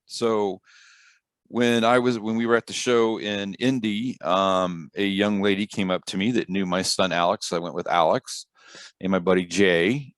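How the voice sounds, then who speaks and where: A man's voice: on the low side, no echo. A middle-aged American man hosting a podcast in a casual, joking, informal way. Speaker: podcast host. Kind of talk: casual chat.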